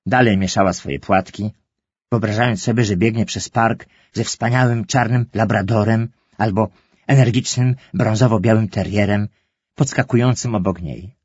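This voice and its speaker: Low husky male storybook narrator. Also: moderate pace, darkish tone, dry recording. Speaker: audiobook narrator. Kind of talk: scripted narration. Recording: dull lo-fi, dry.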